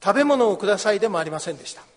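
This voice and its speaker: A high-pitched man preaches a sermon as a pastor, walking through a scripture passage. He brings it to life by acting out the pleading and scolding voices of the people in the story. His voice rings with the long reverb of a hall. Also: lively intonation, racing. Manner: explains scripture, acts out the beggar's and crowd's cries.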